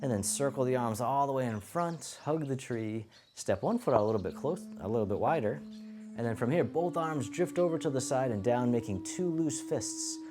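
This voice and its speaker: A man teaching tai chi, cueing each movement step by step in a gentle, encouraging, unhurried way. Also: medium pitch, expressive. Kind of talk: guided movement lesson, calm step-by-step cueing. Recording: music playing behind the voice. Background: music.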